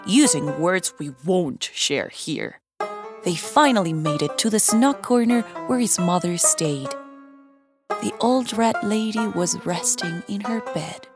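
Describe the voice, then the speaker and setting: A woman's voice: fairly low pitch, animated, takes it slowly, over music. A woman narrating a children's story in a playful, slangy way.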